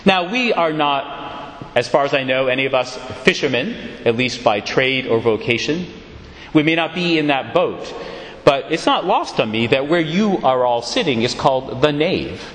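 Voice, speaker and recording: Male preacher, fairly high voice with lively pitch, roomy church reverb. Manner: expressive, measured storytelling delivery. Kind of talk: sermon. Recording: echoey church hall.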